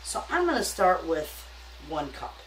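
This older home cook speaks in a low voice with huge pitch swings and a measured pace, demonstrating a recipe casually at her stove. As a cooking show host she keeps the talk chatty and folksy, addressing a camera a few feet off. The sound is echoey, distant-miked, and noisy in the background.

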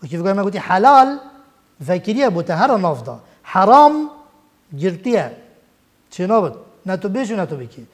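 A man with a Kurdish accent, a Quran teacher giving a religious language lesson, who repeats Arabic word forms slowly and with emphasis. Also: high voice, lively intonation. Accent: Kurdish (Badini).

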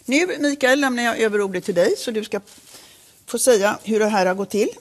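A woman who chairs a board reads a prepared statement at a press conference, formal and measured, occasionally correcting herself. Her voice is a little high.

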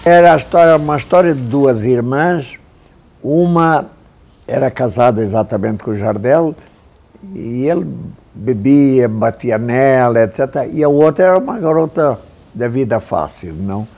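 An elderly man gives a matter-of-fact reminiscence in a living room. His voice is mellow and mid-pitched, his phrasing halting. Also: animated. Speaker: filmmaker interviewee. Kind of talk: slow-forming reminiscence.

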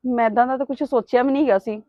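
Defensive pleading mother played by a middle-aged woman, high voice, quick, dull dry sound. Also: steady tone, dry recording, close to an everyday voice. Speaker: wife's mother. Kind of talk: family drama acting.

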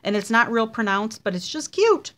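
A woman's voice: fairly high pitch, sing-song, moderate pace, a bit bright. A woman casually showing handmade cards in a craft vlog, chatty and gushing over each one. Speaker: craft demonstrator showing card swaps.

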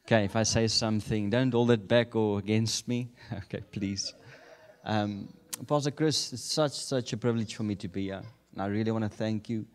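A South African guest preacher in his thirties, Afrikaans his first language, delivers a sermon in a large church sanctuary, speaking on a handheld mic with a South African accent. His voice is on the low side at a moderate pace, and he chuckles often as he builds to emphatic declarations.

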